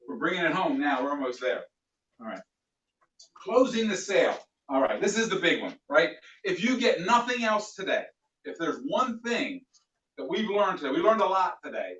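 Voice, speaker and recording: Male sales trainer, fairly high voice, roomy and distant, dull recording. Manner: animated, plays out customer dialogues. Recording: echoey room, distant mic, dull sound.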